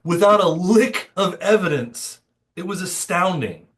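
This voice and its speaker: A man's voice: sits high, lively intonation, unhurried, a bit bright. A man co-hosting a security podcast in casual chat, with dry, sarcastic humor. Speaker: podcast co-host.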